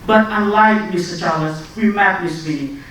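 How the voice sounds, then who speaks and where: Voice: mid-range voice, normal speed, a bit bright, slight background noise. A graduate student from Indonesia giving a scripted English presentation, reading in a persuasive presenting tone. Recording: echoey hall from far off.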